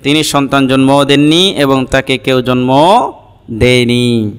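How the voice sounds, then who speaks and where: A Bangladeshi man teaching correct Quran pronunciation, explaining slowly and deliberately and drawing out the Arabic sounds. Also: medium pitch, clear, resonant tone, big-room sound. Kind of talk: Quran pronunciation lesson with chanted recitation.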